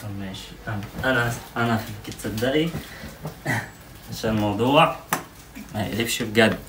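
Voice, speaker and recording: A man's voice: on the low side, fairly quick. A young Egyptian man pranking his wife at home, stammering through defensive denials, recorded on a phone set across the room. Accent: Egyptian Arabic. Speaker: prankster husband, channel co-host. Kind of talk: casual prank argument at home. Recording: echoey room, camera far off, noisy.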